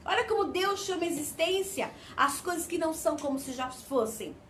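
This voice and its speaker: A woman's voice: extremely high pitch, expressive, a little fast, fairly bright tone, slight background noise. A Brazilian woman preaching a fervent sermon, often calling out "Amém?" to her listeners. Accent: Brazilian Portuguese.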